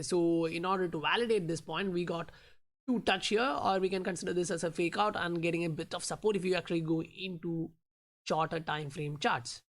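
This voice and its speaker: A woman with an Indian accent, not a native English speaker, hosts a crypto channel and talks through price charts in a vlog. Her fairly low voice carries vocal fry, and her explanations are full of fillers like "you know" and "uh," plus frequent restarts.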